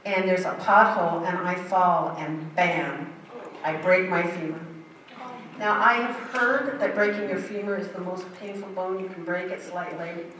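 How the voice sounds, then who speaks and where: A woman's voice: medium pitch, a bit bright, recorded from a distance, slight background noise. An older woman giving a personal testimony in a church, telling her story in a vivid, emphatic way. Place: church sanctuary. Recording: very echoey hall, heard from afar.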